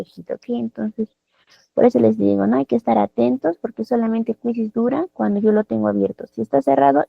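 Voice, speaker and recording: A woman's voice: a little high, creaky, no room sound. A woman with a Peruvian Spanish accent, teaching a live online English class and explaining patiently with lots of repeated tag questions. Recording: dry, phone-like online call audio.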